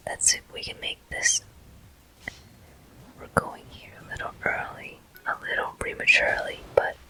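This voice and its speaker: In a rough recording, an ASMR gameplay host with a very high voice speaks purely in a breathy whisper. Everything is very slow, gentle and careful, and the sound is crisp and very bright, more hissing air than actual voice.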